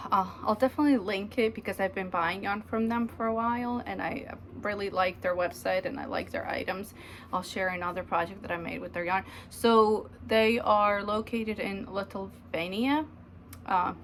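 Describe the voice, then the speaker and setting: Indoors at home, this Ukrainian knitting vlogger in her thirties chats loosely to camera about her projects, with plenty of ums. Her medium-pitched voice comes through with slight background noise.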